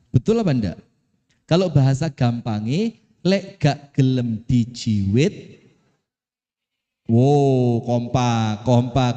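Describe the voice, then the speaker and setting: Animated Javanese preacher in a reverberant hall. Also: male voice, on the high side. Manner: animated storytelling, acts out voices, asks audience questions. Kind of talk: lively Islamic sermon. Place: mosque hall.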